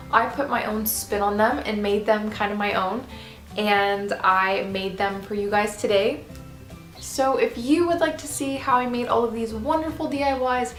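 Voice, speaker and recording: A young woman talks through a craft tutorial in a bright, chatty voice-over. Her voice sits a little high, and she drops in playful self-deprecating asides between steps. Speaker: DIY vlogger.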